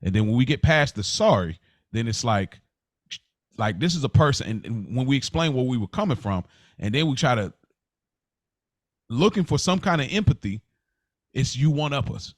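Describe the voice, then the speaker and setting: A male podcast co-host tells personal stories casually in conversation, often repeating words and restarting phrases. His medium-pitched voice is sing-song, at a moderate pace with long pauses, captured in dry, studio-quality sound.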